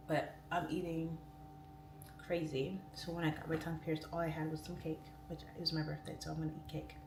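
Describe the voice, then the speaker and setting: A deep-voiced woman in her late thirties hosts a casual livestream, chatting and reading viewer comments aloud, though her swollen, freshly pierced tongue slightly hampers her speech. The mic is distant, the room echoes, and background noise is clearly audible.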